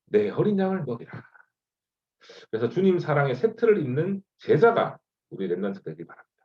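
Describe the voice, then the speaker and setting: A man's voice: medium pitch, dull audio. A man preaching a sermon to a youth group over an online video call, asking the listeners rhetorical questions. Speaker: youth pastor. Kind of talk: sermon to middle-school youth.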